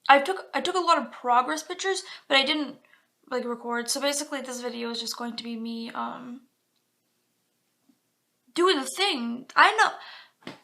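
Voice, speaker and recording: A woman's voice: sits high, normal speed, vocal fry, long pauses, pushed and bright. A woman cosplay vlogger talking through a costume build in a chatty, rambling way, mocking herself and swearing casually. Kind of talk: casual chat and voiceover tutorial.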